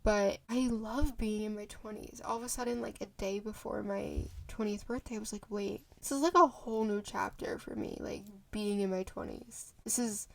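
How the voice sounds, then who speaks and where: A woman in her twenties vlogs through a phone camera in a gravelly, medium-pitched voice that stays steady and moderately paced with few pauses. She rambles casually, breaking off and restarting amid many fillers.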